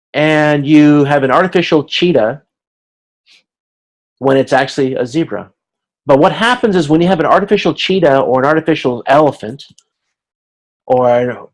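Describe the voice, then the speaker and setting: This man, still lecturing informally as an instructor over video conference, pauses and stumbles as he reasons aloud. The recording sounds rough, and his voice sits at a medium pitch.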